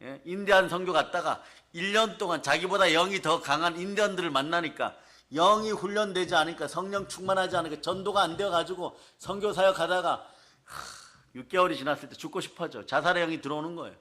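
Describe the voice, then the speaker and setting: A man preaching a revival sermon in a church, telling a story with lively, acted-out scenes. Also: high-pitched, fast. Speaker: pastor. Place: church sanctuary.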